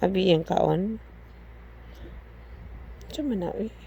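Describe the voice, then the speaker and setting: A woman's voice: medium pitch, slow, creaky, warm tone, dull audio, a little hiss or hum. A woman with a Cebuano accent filming a casual home vlog, coaxing her toddler and slipping in simple English words. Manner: coaxing, mixes English words in for a small child. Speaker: parent vlogger. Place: home room.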